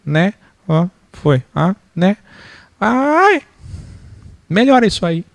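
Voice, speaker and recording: A man from Brazil teaching church teachers how to speak, lecturing in an animated way and mimicking preaching voices. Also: on the high side, a little slow.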